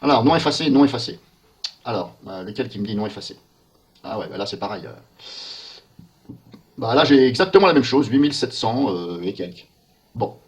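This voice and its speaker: A man talks through a software walkthrough while recording his screen. He thinks aloud and mutters in puzzlement as he clicks through the menus. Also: fairly low pitch, animated, normal speed, pauses often. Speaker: software tester.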